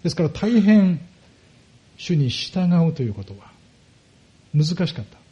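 Guy preaching a sermon, kinda high but super dark tone, muffled recording. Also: very animated, a little slow. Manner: explains step by step, asks the congregation rhetorical questions. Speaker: pastor.

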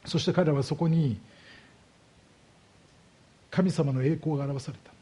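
A pastor delivers a sermon, explaining scripture and putting rhetorical questions to his congregation. His voice sits fairly high, mellow with a breathy edge, and he slows down heavily on key words.

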